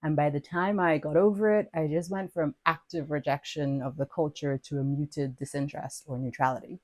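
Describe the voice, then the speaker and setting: This podcast host, a woman from Nigeria, narrates a scripted personal essay she wrote, lyrical and full of wordy, playful self-mockery. She speaks in a low register at a brisk clip with fairly even intonation, and there's no room sound.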